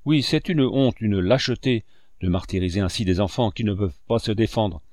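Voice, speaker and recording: A man's voice: on the low side, moderate pace, darkish tone, dry recording, clean studio sound, close to an everyday voice. A man voicing a stern, indignant old street performer who speaks with righteous force.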